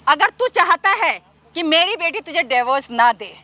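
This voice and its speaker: A woman's voice: very high-pitched, sing-song, moderate pace, bright, forceful tone, a little hiss or hum, heavily acted. A woman playing a brazen, domineering middle-aged mother-in-law in an amateur skit, talking in a pushy, taunting way. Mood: insistent.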